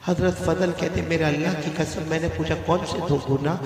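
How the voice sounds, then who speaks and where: Booming, echo-drenched male preacher. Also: steady tone, fairly quick, crowd noise. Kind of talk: emotional Urdu-Hindi religious sermon. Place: large hall with a gathered audience. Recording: very echoey, long hall reverb.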